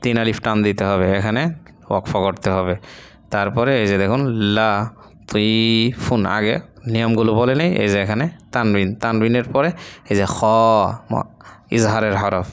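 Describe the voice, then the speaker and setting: A man's voice: on the low side, fairly even intonation, moderate pace, clear, resonant tone. A man teaching Quran reading step by step, patiently repeating syllables and drawing out long vowels. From Bangladesh. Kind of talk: step-by-step recitation lesson.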